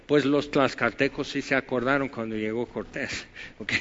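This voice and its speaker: A man's voice: medium pitch, fairly even intonation, normal speed, noisy background. A Mexican man with a Mexican Spanish accent, preaching a conversational sermon full of rhetorical questions and wry asides. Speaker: pastor. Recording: muffled with long hall reverb.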